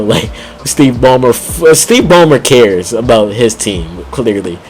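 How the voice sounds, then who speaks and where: Over faint background noise, a man with a mid-range, somewhat mellow voice rambles through a laid-back basketball vlog. He leans heavily on "like" and slang, with frequent quick laughs.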